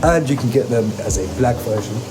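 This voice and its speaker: A man's voice: mid-range voice, lively intonation, brisk, noisy background. A man hosting a hobby vlog in an enthusiastic, colloquial style, talking straight to his viewers. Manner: colloquial, addresses viewers directly. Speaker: host of an aquarium hobby channel. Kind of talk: enthusiastic casual vlog narration.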